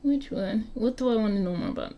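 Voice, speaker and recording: A woman's voice: on the high side, quick pace, lo-fi sound. A woman with a Southern US accent reading an interactive story aloud, stumbling over words and chatting in asides. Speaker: story reader.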